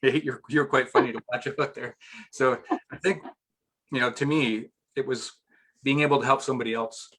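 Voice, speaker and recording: A man's voice: mid-range voice, fairly even intonation, normal speed, noisy background. A middle-aged man as an interview guest, chatting casually and rambling with restarts, getting emotional at times.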